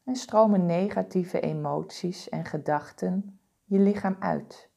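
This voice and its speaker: Slow, mellow-voiced woman guiding meditation. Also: lowish voice, gravelly. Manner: slow, soothing, calm instructions. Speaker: meditation guide. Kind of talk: guided body-scan meditation.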